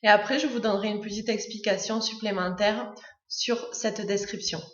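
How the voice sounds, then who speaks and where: A woman's voice: medium pitch, fairly even intonation, normal speed, echoey room, lo-fi sound. A French-speaking woman teaching an English lesson, explaining step by step with frequent hesitations and fillers. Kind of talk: language lesson narration.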